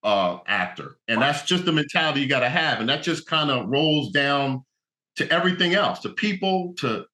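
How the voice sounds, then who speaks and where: A man's voice: a little high, expressive, moderate pace, bright, forceful tone. A middle-aged man from New Jersey, a guest actor and motivational speaker, talking reflectively in a casual interview with lots of "you know".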